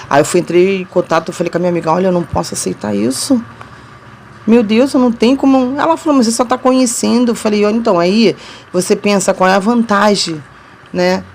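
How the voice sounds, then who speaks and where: A woman's voice: mid-range voice, darkish tone, slight background noise. A woman from Rio de Janeiro in Brazil with a Rio accent, telling her love story to viewers in a casual, chatty way and often laughing between sentences. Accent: Rio de Janeiro Brazilian Portuguese.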